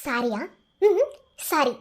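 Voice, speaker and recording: A sharp young scolding girlfriend. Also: high voice, very animated, drawn-out words, a little hiss or hum, full character voice. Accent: Madurai Tamil. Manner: teasing, scolding, mocking. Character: sharp-tongued young woman scolding her boyfriend.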